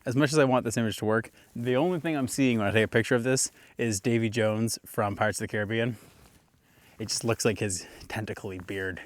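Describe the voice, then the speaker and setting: A man's voice: lowish voice, a little fast, no room sound. A young adult man, a landscape photographer, casually talking to camera while out walking in snowy woods. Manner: relaxed, musing, talks while walking. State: out of breath. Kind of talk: casual vlog narration on location.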